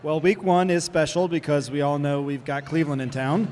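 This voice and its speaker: Man, guest chef, from Cincinnati area, casual, slightly halting, slightly high pitch. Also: steady tone, a little mellow. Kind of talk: casual product talk.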